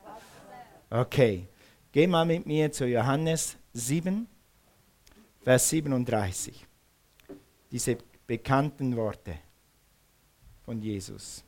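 A man's voice: medium pitch, slow pace, pauses often, a little mellow. A male pastor preaching a sermon in a church hall, calling on the congregation to repeat words back to him. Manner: engages the congregation with call-and-response; uses some Swiss words.

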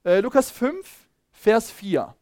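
A man delivers a sermon, his voice a touch high and swinging widely in pitch as he rouses the congregation. He talks casually, asks them to answer, and stops now and then to find his notes. The sound is dry and close. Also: slow pace, no echo. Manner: lively, calls on congregation, loses track of notes. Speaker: preacher.

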